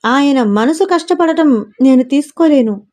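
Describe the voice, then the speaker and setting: A woman's voice: high voice, expressive, unhurried, darkish tone. A woman voicing a heartbroken, self-sacrificing young woman who pleads emotionally in a storybook reading. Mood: pleading.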